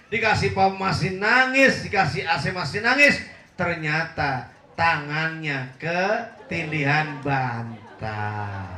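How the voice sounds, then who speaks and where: A man's voice: fairly high pitch, pushed and bright. A middle-aged man preaching a humorous sermon to a live congregation, teasing the audience and laughing often. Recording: echoey room with faint hum.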